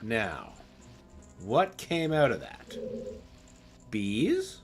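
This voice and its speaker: A man's voice: mid-range voice, huge pitch swings, extremely slow, soft background music. A man hosting a gaming livestream, chatting casually and playfully and laughing often as he plays. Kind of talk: casual gameplay commentary.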